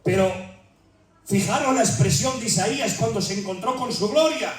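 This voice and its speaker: Male preacher, high voice, impassioned sermon, repetitive cries, very echoey hall, distant mic. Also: normal speed. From Spain. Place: large echoey church hall. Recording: very echoey church, voice from afar.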